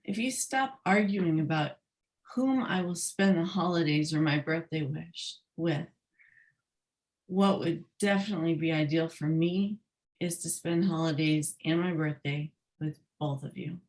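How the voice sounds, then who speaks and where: A woman reading the letter of a young girl to her parents from a children's book, gently. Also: deep voice, a little slow. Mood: soft. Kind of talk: read-aloud children's book.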